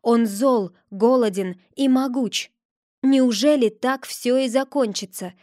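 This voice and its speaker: A woman narrates a fantasy audiobook in the first person with lively, expressive storytelling. Her voice sits fairly high. The recording is dry and close, with no room sound. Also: takes it slowly, no echo.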